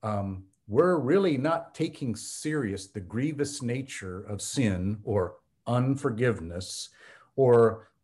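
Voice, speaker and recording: An American theology professor and pastor, guesting on a podcast, explains ideas in an earnest teaching tone full of ums. His mid-range, darkish voice is animated but unhurried in this conversational interview.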